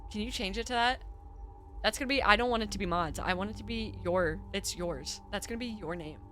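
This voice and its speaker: A young woman streamer reading story-game narration in second person, bright and forceful in tone, breaking off into chatty asides to her viewers. Faint music plays under her voice. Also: medium pitch, brisk.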